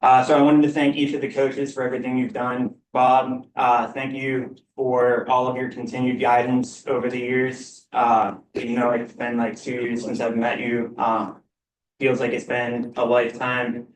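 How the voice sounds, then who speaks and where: Young man's halting farewell speech. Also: medium pitch, little pitch movement, slight background noise. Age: 20s. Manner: grateful, halting with many fillers. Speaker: senior athlete giving a speech. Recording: roomy, from a distance.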